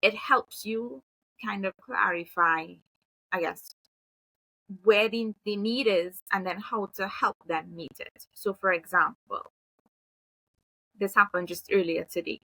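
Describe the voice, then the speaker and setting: A woman, a behavioral analyst and mother, calmly explaining with examples from her own home. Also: medium pitch, creaky, no echo, poor audio. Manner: calm, measured, explains with examples. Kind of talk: explanatory conversation.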